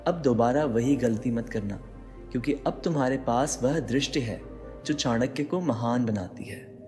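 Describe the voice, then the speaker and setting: At a moderate pace, a man with a mid-range, slightly mellow voice gives dramatic motivational narration. He talks directly to the listener and leans on rhetorical questions, backed by faint music and long reverb.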